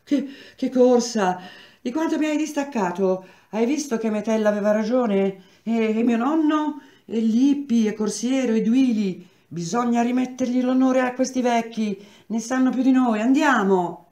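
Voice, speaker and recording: A woman's voice: a little high, moderate pace, warm tone, pitched above the performer's own voice, lightly acted. A woman voicing a breathless young male worker who fires off urgent, stammering questions. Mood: excited. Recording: roomy echo.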